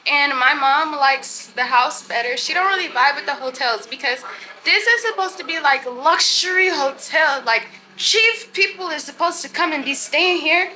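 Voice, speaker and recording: A young woman vlogging casually to her viewers from a hotel room and balcony, chatty and animated, filmed on a phone held at arm's length. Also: high voice, moderate pace, a little hiss or hum. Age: young adult. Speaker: travel vlogger. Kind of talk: casual vlog to camera. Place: hotel room and balcony at night, outdoors by a city street. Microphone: handheld phone camera at arm's length.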